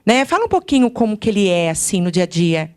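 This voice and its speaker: A woman's voice: medium pitch, sing-song, fast talker, a little mellow. A woman co-host with a mid-range voice chats with her guest. She is friendly and supportive and prompts her guest to tell more. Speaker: interviewer, co-host. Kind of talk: casual interview chat.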